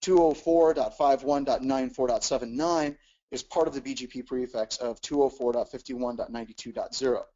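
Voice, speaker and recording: A man presenting a technical webcast at an everyday mid pitch. He walks through each step with plenty of "uh"s and restarts. The recording sounds slightly dull and lo-fi. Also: steady tone, a little fast, mellow. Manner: explanatory, frequent "uh" and repeated words. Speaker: webcast instructor.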